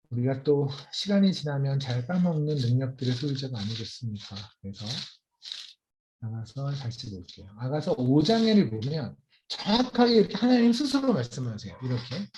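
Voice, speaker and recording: Lively Korean-speaking man preaching. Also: fairly high pitch. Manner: lively, humorous, acts out quoted voices. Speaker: missionary preacher. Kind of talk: sermon.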